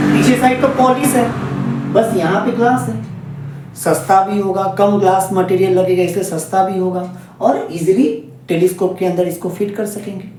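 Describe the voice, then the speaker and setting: A man gives an exam-focused physics lesson in a classroom, repeating key points and checking in often with his students. His voice sits high with a darkish tone, picked up from far off the mic, very echoey, with slight background noise.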